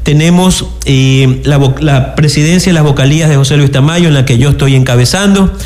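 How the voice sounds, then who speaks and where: Man, politician, slightly high voice, earnest campaign talk, roomy echo. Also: darkish tone. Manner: earnest, measured, campaign talking points. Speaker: politician, party director, guest. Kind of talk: radio interview answers. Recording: echoey room.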